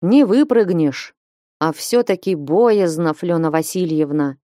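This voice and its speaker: A woman's voice: fairly low pitch, animated, a little slow, mellow, dry recording, studio quality. A woman reading an audiobook voices a timid, flustered young man who answers plaintively with sighs.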